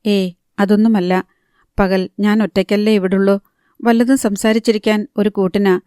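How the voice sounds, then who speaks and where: A woman narrator voicing a troubled young married woman, soft-spoken and then firm, in an even, clear reading voice. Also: medium pitch, moderate pace, dry recording, studio quality, lightly acted.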